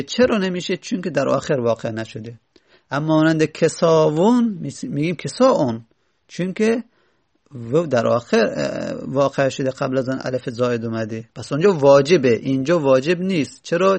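Gravelly-voiced man teaching grammar. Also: a little high, darkish tone. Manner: methodical, repeats example words slowly. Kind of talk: Arabic grammar lesson explanation.

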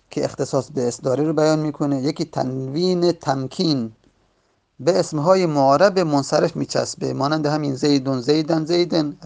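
A man teaching a grammar lesson patiently, repeating each word form several times, his pace slowing and rushing by turns. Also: fairly high pitch, vocal fry, a little mellow. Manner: uneven pace, stretches some words and rushes others.

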